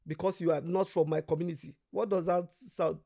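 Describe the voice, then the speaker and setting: A man speaks in a fairly high, heavily gravelly voice. He talks as a guest in a casual conversation. He tells stories with energy, acts out the people he quotes, and swears without holding back. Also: fairly quick. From Nigeria. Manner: animated storyteller who acts out quoted voices and swears freely.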